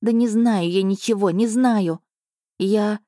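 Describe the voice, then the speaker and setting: A woman's voice: slow pace, dark tone, no echo, studio quality, lightly acted. Woman playing a flustered young heroine. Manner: higher, flustered and protesting. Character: young woman heroine, nervous, bewildered, a little defiant. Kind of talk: audiobook reading.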